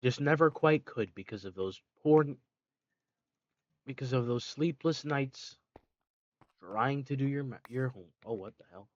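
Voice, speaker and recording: A man's voice: medium pitch, measured pace, long pauses, dry recording, muffled recording. A man giving casual gameplay commentary, rambling, correcting himself mid-sentence and dropping sarcastic asides. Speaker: let's play gamer.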